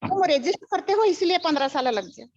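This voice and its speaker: A woman's voice: very high-pitched, expressive, a little fast, a little mellow, no room sound. An older woman giving a spiritual teaching, emphatic and repetitive, mixing English phrases into her talk. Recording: dull lo-fi recording.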